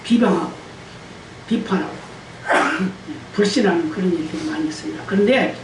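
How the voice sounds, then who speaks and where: A woman's voice: lowish voice, moderate pace. Woman pastor preaching in an echoey church. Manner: quizzes the congregation and calls for amens. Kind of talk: Sunday sermon. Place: church sanctuary. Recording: echoey church hall, distant mic, faint hiss.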